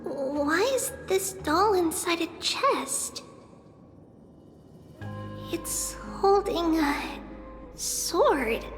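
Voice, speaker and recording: A woman's voice: very high voice, animated, extremely slow, long pauses, full character voice. An actress playing an eager, childlike little girl in a game, exclamatory and a bit boastful. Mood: puzzled, musing. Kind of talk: scripted game dialogue. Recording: long reverb, music behind.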